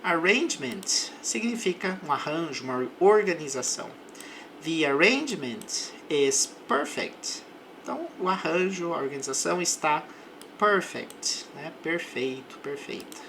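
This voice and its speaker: A man with a Brazilian Portuguese accent teaching English, explaining words patiently and slowing down to model each example phrase. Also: fairly high pitch, animated, bright, forceful tone, slight background noise. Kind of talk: slow explanatory language lesson.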